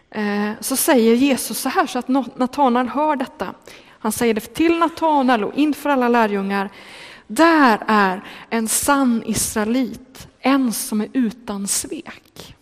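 A woman preaching a sermon in a church, speaking slowly and with emphasis, lingering on repeated phrases. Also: fairly high pitch. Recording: long church reverb.

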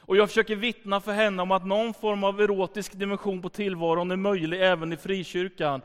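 A middle-aged Swedish pastor telling a story in a sermon, unhurried, with dramatic pauses and quiet drops. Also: male voice, high-pitched, flat delivery, smooth, long reverb tail.

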